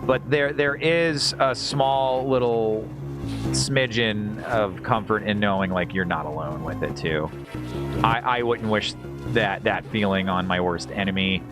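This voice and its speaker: A man hosts a video game livestream with game music behind him, chatting casually in a fairly low voice at a measured pace. He rambles and stammers, repeating words and using informal, slangy, profane language.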